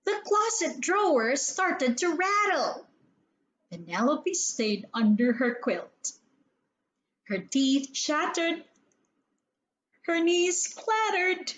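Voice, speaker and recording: Reading a children's story aloud, a woman with a high-sitting voice performs it expressively and theatrically. She leans deliberately on key words.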